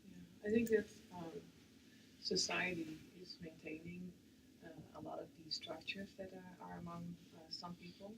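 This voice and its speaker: A panelist from the Netherlands speaking English in a reflective, quiet way that often trails off into near silence. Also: mid-range voice, fairly even intonation, normal speed, creaky. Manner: quiet, trails off and drops in volume. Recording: distant mic with faint background noise.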